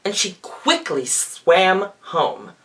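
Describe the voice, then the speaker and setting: Very slow and full of big pitch swings, this mid-range, fairly bright voice carries a dramatic children's storybook reading, with a little hiss or hum behind it. The feminine-sounding storyteller, a drag performer, reads theatrically and adds playful asides.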